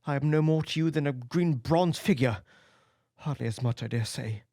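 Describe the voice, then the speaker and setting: A man's voice: mid-range voice, normal speed, creaky, dark tone, dry recording, studio quality, pitched above the performer's own voice, natural voice. A man voicing an anguished vain young man. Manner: emotional, pleading, rising to outbursts. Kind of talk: audiobook character reading.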